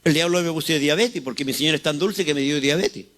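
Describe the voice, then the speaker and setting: A man's voice: on the high side, a little fast, fairly bright tone. A man in his sixties with a Chilean accent preaching a fervent sermon, asking the congregation rhetorical questions. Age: 60s. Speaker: pastor.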